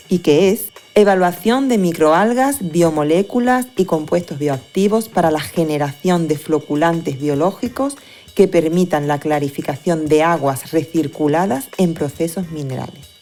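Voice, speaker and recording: A woman's voice: deep voice, mellow. A woman hosting a science podcast, chatting and asking her guest questions. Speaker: podcast host. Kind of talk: podcast interview.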